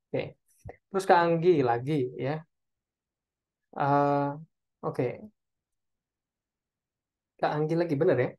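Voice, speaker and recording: A man leads an online parenting webinar, taking audience questions and answering each in turn. His delivery is relaxed and chatty, full of small check-ins with his listeners. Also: fairly high pitch, slow, pauses often, muffled recording. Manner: conversational, tags phrases with "ya" and "oke".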